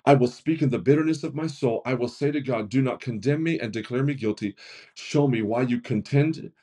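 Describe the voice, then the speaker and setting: A pastor reads a long scripture passage aloud in a mellow, darker voice. He is earnest and unpolished, tripping over words and correcting himself as he goes. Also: mid-range voice, a little fast, breathy edge. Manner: earnest reading with frequent stumbles and self-corrections.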